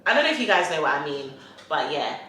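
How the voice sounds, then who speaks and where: A woman's voice: deep voice, sing-song, fast, bright, forceful tone, slight background noise. A woman vlogger chatting casually while eating, rambling with lots of fillers. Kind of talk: casual chat mukbang. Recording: very echoey room.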